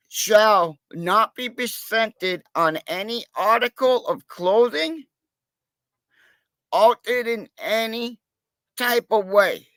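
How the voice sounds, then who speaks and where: A man's voice: high voice, pushed and bright, clear, resonant tone, no room sound. A man from Massachusetts talking in a rambling, profane casual livestream chat, full of fillers. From Massachusetts, USA. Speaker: livestream guest, cop watcher.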